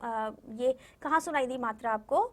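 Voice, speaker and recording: A woman's voice: on the high side, moderate pace. A woman teaching a Hindi lesson to young children, patiently repeating words and sounds and asking the class questions. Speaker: primary school Hindi teacher.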